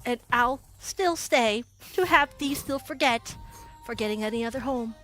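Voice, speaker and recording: A woman playing a lovestruck, dreamy young man in a theatrical Shakespeare reading, speaking in a measured, yearning manner. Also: on the high side, a bit bright, soft background music, lightly acted. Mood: tender.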